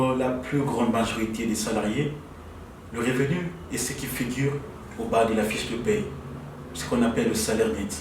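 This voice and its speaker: A man explaining a concept in a didactic, measured way. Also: mid-range voice, slight background noise. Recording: echoey and distant.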